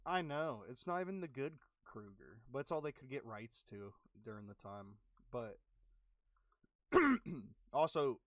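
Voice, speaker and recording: A young man chatting casually while playing a game, reacting with quick exclamations and clearing his throat as he loses his voice. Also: medium pitch, a bit bright, no room sound, studio quality. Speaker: gaming streamer. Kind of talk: casual gameplay commentary.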